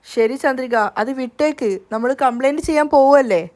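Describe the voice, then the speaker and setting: In a spoken story recap, a woman voices a steady, gentle young man, keeping her tone high, light and soft as though comforting someone. Her delivery is brisk and lightly acted, yet stays even and reassuring.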